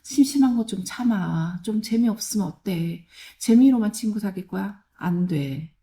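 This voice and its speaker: A woman's voice: medium pitch, animated, a little slow, dark tone. A woman giving direct advice to children and parents, firm and caring, speaking in short plain commands.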